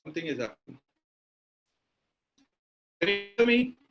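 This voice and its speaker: A man delivers a formal welcome over a video conference call, pausing as he goes. His voice sits a little high. It comes through a computer mic and sounds distant, with the call audio breaking up. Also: very animated, fairly bright tone. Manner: formal, halting with pauses. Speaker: chapter official giving the welcome address. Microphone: computer or phone mic on a video call.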